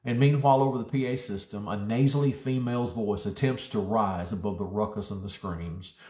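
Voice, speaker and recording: Low-voiced pastor preaching with pauses. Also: male voice, steady tone, dark tone. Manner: dramatic pauses, phrases broken up for emphasis. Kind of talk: sermon. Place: church. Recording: roomy echo.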